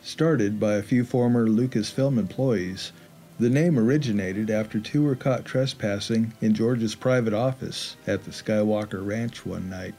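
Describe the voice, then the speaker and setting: A man's voice: on the low side, unhurried, warm tone, soft background music. A man reading scripted narration as the narrator of a film recap.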